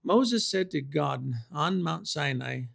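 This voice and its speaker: A man preaching a sermon, slow and deliberate, repeating key phrases for emphasis. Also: on the high side, lively intonation, gravelly.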